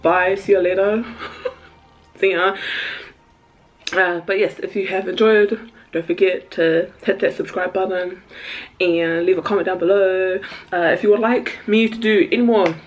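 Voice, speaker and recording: A woman's voice: mid-range voice, fairly even intonation, unhurried, long pauses, muffled recording, soft background music. A woman vlogger chatting casually to camera while eating, talking loosely with many "like"s and frequent laughs. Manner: chatty, laughs often, lots of "like". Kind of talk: casual mukbang chat to camera.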